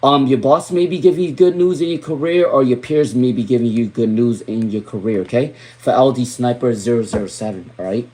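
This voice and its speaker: A young adult man from Rhode Island giving live tarot readings on a stream, repeating viewers' names and muttering softly while he draws cards. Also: mid-range voice, fairly quick, few pauses. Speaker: tarot reader.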